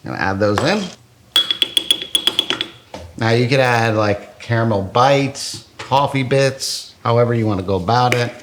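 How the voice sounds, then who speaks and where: A man's voice: medium pitch, measured pace, long pauses, noisy background. A man hosting a casual cooking demo, joking and crude as he bakes. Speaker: cooking show host.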